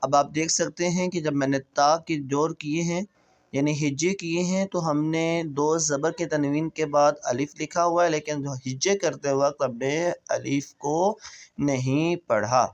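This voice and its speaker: A man teaching a Quran spelling lesson, explaining quickly, then spelling letters in slow drawn-out drills. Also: a little high, steady tone.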